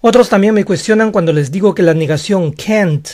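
A man's voice: high-pitched, brisk, darkish tone. A man explaining pronunciation in a casual video lesson, chatty and explanatory. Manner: chatty, explains with a skeptical aside. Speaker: language teacher.

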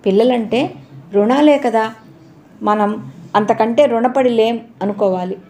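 A woman's voice: fairly high pitch, measured pace, mellow, a little hiss or hum, natural voice. A woman voicing an older grieving husband in an audio novel, subdued and choked with sorrow. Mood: sorrowful.

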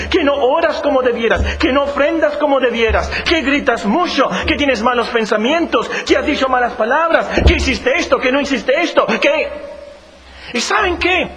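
A man's voice: very high voice, a bit bright. A man preaching a sermon as pastor, speaking straight to his congregation and driving points home with repetition. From Mexico. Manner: preaching with emphatic repetition, addressing the congregation directly. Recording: long hall reverb, faint hiss.

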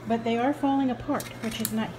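A middle-aged woman talks quickly in a slightly high voice with fairly even intonation, over background noise. Holding her phone camera, she casually narrates cooking a family dinner in her home kitchen and living room, homey and chatty.

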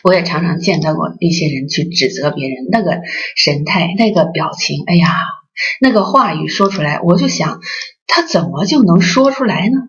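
A woman who heads a Buddhist association, giving a dharma talk with lively storytelling and acted-out voices, in a dull lo-fi recording. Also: on the low side, normal speed.

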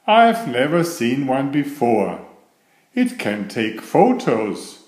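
A children's book reader with a mid-range voice reads a picture book aloud, expressive and animated. He goes slowly and deliberately, in a room with noticeable echo.

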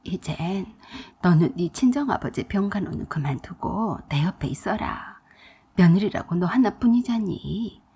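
A woman's voice: on the low side, animated, unhurried, dark tone, husky, pitched below the performer's own voice, full character voice. A woman voicing a bitter, demanding elderly mother-in-law who scolds and pities herself. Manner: scolding, self-pitying.

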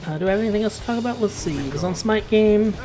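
Chill rambly game commentator, ranty, mid pitch, faint music behind. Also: expressive, racing. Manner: rambling, ranty, laid-back with filler words. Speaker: gameplay commentator. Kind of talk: casual rambling commentary over gameplay.

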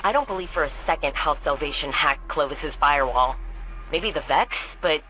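A wry, no-nonsense female engineer, quick with a sarcastic jab. Her voice sits slightly low and stays brisk and dry. A steady game score plays beneath her lines. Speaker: character in a game cutscene. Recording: game dialogue over loud music. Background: music.

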